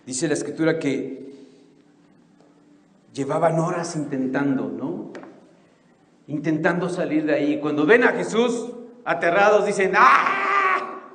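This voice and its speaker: A middle-aged man preaching slowly and emphatically. His voice sits a touch high and drops soft, then rises loud. The large church hall rings with a long, roomy echo. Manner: slow and emphatic, swings between soft and loud. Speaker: pastor. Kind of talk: sermon. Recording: echoey reverberant church hall.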